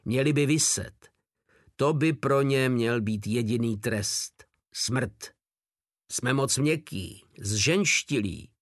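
A man's voice: mid-range voice, no room sound, studio quality, lightly acted. A man voicing a cold, contemptuous male soldier in an audiobook war story. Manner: coldly contemptuous, shouting.

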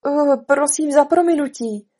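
A spirited girl stands up to a ridiculous court, indignant and defiant. A woman voices her with a mellow, slightly breathy tone. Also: high-pitched, lively intonation.

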